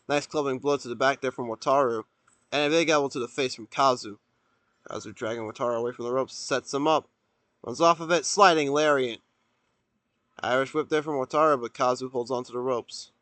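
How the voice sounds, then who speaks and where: A man doing play-by-play as a wrestling commentator, with an excitable delivery. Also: medium pitch, no echo. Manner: excitable, erupts into shouting at big moves.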